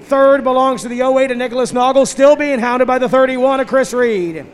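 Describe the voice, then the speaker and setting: A man's voice: very high-pitched, a little fast. A man giving live play-by-play as a motorsport commentator at a stock car race. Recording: noisy trackside ambience.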